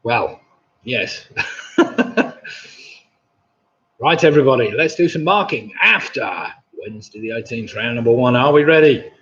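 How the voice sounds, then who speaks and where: A chatty quizmaster in his sixties hosts a live online pub quiz from home and chuckles at viewers' jokes, speaking into a webcam mic at his desk. His mid-range voice is expressive, a bit bright and husky, unhurried, with long pauses. The webcam sound is dull and lo-fi.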